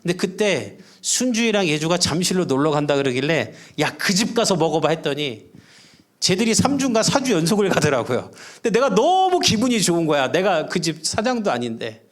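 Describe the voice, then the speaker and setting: A man's voice: a little high, sing-song, fairly quick. Earnest conversational male pastor preaching. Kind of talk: sermon. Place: church service.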